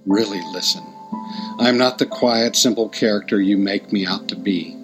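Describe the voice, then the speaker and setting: A man voicing a watchful, determined young husband who speaks firmly in a deeper voice, with music playing behind. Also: moderate pace, lightly acted, poor audio. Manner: firm, deeper voice.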